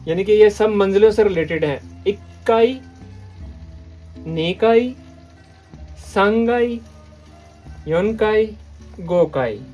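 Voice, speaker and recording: A man's voice: high voice, takes it slowly, long pauses, darkish tone, soft background music. A man from Pakistan teaching a language lesson, repeating words and often checking in with the listener. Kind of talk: patient classroom lesson.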